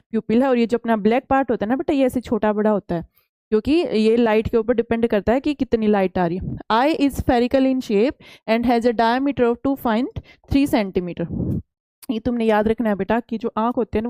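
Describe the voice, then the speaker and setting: A woman science teacher explaining slides to children, reading the lines slowly and then talking them over in Hindi. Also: fairly high pitch, mellow, no echo, rough recording. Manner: calls students beta and asks them questions. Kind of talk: classroom lesson explaining slides.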